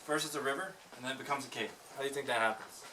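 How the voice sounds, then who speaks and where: A male cave guide talks to his group in a reverberant cave, picked up from some distance. He explains in an informal, teacherly way and checks in with questions. His medium-pitched voice rings off the rock over faint background noise. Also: racing. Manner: jokey asides. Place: inside a lava tube cave.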